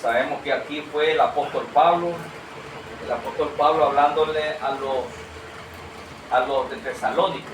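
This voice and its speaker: A man's voice: on the high side, fairly even intonation, normal speed, background noise. A man preaching a sermon to a congregation, earnest and questioning, calling them brother. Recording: echoey room from far off.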